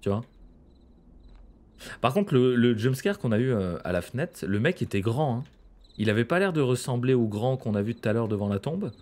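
A man's voice: medium pitch, lively intonation, normal speed, darkish tone. A man casually commentating a horror game, chatty and joking with slang and asides. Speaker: gaming streamer. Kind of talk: let's play commentary.

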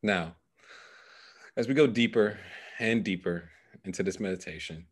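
Wearing a headset, a man in his thirties gives measured, guided instructions to a client during a meditation and coaching session over video call. His voice is low-pitched and slightly rough, and he is in a small indoor room.

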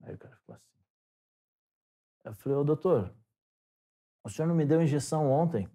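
A Brazilian former footballer, a guest on a podcast, telling stories in a relaxed chat and acting out the dialogue as he goes. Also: a little high, brisk. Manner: animated storyteller, acts out dialogue. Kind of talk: casual storytelling interview.

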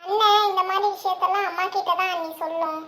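A woman's voice: very high voice, fairly even intonation, fast talker, sharp tone, a little hiss or hum. A woman voicing a cheerful, teasing young woman who comforts her older sister, in a cartoon. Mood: hesitant. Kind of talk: cartoon voice acting.

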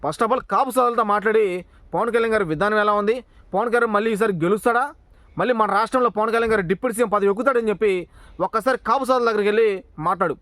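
A man's voice: sits high, racing, a bit bright, no echo. A man giving a heated political monologue, confronting his target with rhetorical questions. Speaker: political commentator, channel owner.

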